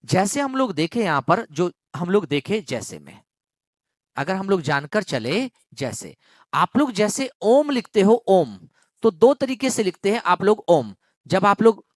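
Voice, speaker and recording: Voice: mid-range voice, dry recording, studio quality. A teacher giving a grammar lesson for exam students, repeating key phrases, asking the class questions and stretching out words to show long vowels.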